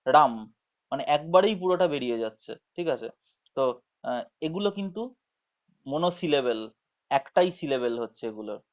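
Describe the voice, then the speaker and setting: A man teaching an online class to school students, explaining slowly, checking in with frequent tag questions and drawing words out syllable by syllable, on dull lo-fi audio. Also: on the high side, lively intonation. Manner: drawls words out syllable by syllable when demonstrating.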